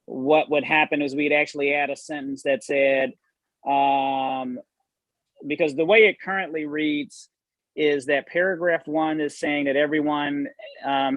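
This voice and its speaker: A man's voice: mid-range voice, dry recording, low-quality recording. A man speaking as an attorney at a meeting, carefully explaining and rephrasing legal wording. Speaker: village attorney.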